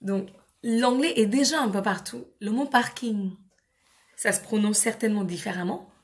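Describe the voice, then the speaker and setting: A woman's voice: a little high, normal speed. French woman patiently teaching English words. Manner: clear, patient, gives word examples. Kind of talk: explanatory teaching talk.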